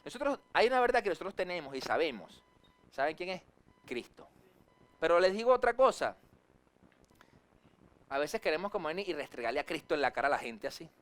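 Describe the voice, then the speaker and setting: Preaching man, fairly high voice. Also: big pitch swings. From Venezuela. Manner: preachy, rises and drops sharply for emphasis, acts out quick asides. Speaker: pastor. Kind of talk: sermon.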